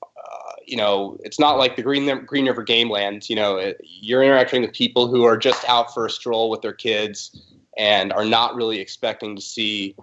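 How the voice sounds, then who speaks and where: This man helps organize a race and chats loosely over a video call, laid-back and full of fillers, like a casual podcast. His voice is fairly low, steady and fairly bright at a normal speed, though the highs are cut off and there's a little hiss or hum.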